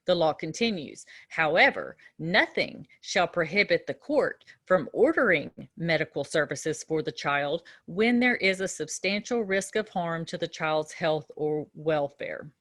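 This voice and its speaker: A middle-aged woman teaching nursing students in a relaxed lecture, telling a story from her own work with fillers and restarts. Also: low-pitched, measured pace, few pauses, dry recording, studio quality. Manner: conversational, with frequent fillers and restarts. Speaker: nursing instructor. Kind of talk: recorded lecture with a personal story.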